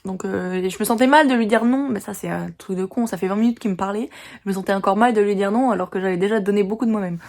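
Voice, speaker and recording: A teenage girl from France telling a story in a chatty, animated vlog, venting about her day. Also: mid-range voice, fast. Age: teens. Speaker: vlogger.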